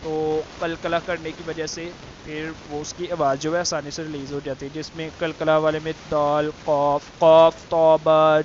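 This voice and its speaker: A man's voice: fairly high pitch, flat delivery, a little mellow. Man teaching letter sounds, hissy dull audio. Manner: explains slowly with many fillers, repeats letter sounds as demonstrations. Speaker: Quran recitation teacher. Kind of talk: tajweed lesson with demonstrations.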